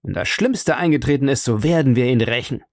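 A man reading an audiobook and voicing a sharp, commanding male detective, lifting his voice above his own and often dropping to a hushed whisper. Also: mid-range voice, a little fast, no room sound, studio quality, voice pushed up, close to an everyday voice. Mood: furious.

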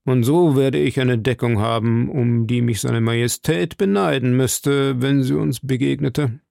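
A silky, commanding older cardinal, read by a man in a storybook reading, weighing each word slowly. His voice is gravelly, with a dry, close sound and no room around it. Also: medium pitch, darkish tone, no echo. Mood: probing. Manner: measured, slow, probing. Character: stern, silky older male cardinal of high rank. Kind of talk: audiobook reading.

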